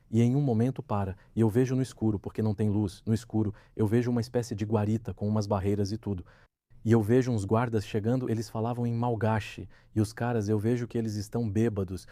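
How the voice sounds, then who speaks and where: A man with a low, mellow voice tells his own story as a guest in an interview, vividly acting out the quoted lines of the people involved. The recording is close and dry, with no room sound or echo.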